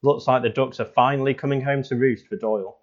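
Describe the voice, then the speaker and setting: A man as co-commentator on a spoof football show, with a deadpan, cynical pundit delivery. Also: medium pitch, quick pace, muffled recording.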